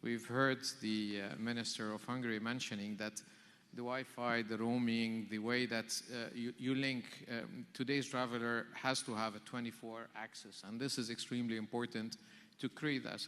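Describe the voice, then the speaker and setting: A man answering on a conference panel, steady with frequent fillers. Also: mid-range voice, moderate pace. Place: large conference hall. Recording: reverberant conference hall.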